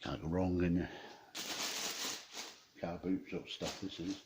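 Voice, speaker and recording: Deep-voiced man with a Norfolk accent. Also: flat delivery, measured pace, dull audio, very noisy. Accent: East Anglian, Norfolk. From Norfolk, England. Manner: laid-back, colloquial, dialect grammar. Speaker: host of a small video channel. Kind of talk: casual rambling vlog chat and joke-telling.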